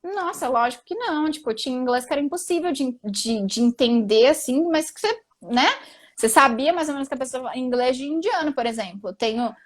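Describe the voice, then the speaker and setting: This is a woman in her thirties, chatting casually on a live stream. Her voice sits high, and she talks in a chatty, emphatic way, full of fillers. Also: lively intonation, brisk. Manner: chatty, emphatic, says "tipo" and "entendeu" a lot. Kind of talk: casual chat.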